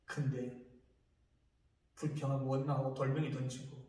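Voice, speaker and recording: A man's voice: mid-range voice, level tone, normal speed, mellow. A middle-aged male pastor giving an emotional testimony in a sermon, telling his story with shifting intensity. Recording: echoey church hall picked up from a distance.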